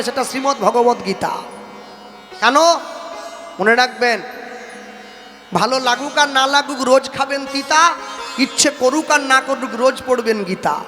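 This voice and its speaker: A man's voice: extremely high pitch, pushed and bright. A man preaching a devotional sermon in an impassioned, sing-song manner, breaking into chanted verses. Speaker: kirtan preacher. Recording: echoey hall, faint music behind.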